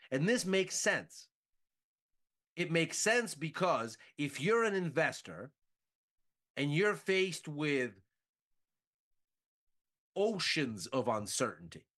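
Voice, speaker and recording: A man's voice: medium pitch, fairly bright tone. A man explaining a market outlook methodically, posing rhetorical questions as he walks through the numbers. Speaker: market analyst.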